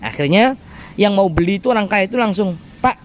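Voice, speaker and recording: A man who preaches in a lively storytelling style and often addresses his congregation directly. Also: high voice, quick pace, slight background noise. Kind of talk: storytelling sermon.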